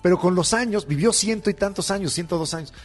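A man's voice: high voice, fast, soft background music. Wry Mexican man co-hosting. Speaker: co-host. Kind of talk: casual comedic chat.

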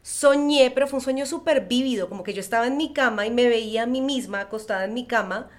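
Expressive woman podcast co-host, somewhat high voice. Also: quick pace. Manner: expressive storyteller, many filler phrases. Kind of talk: casual podcast chat.

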